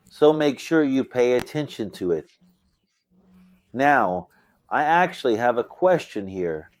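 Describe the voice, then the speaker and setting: A man's voice: mid-range voice, darkish tone, no echo. A man reading and explaining scripture verses, asking rhetorical questions and answering them himself. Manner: explanatory, asks and answers his own questions. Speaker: Quran commentary teacher.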